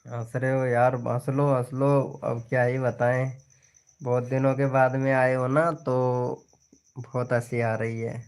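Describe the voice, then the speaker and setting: A young man with a smooth, clear voice at an ordinary middle pitch, hosting a casual live stream. He chats loosely and teases his viewers, talking straight to them by name. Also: flat delivery, measured pace. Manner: chatty, teasing, talks straight to viewers.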